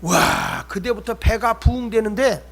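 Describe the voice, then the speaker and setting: Man, pastor, sermon, high-pitched voice, humorous storytelling, talks straight to the congregation. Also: unhurried, a bit bright, faint music behind.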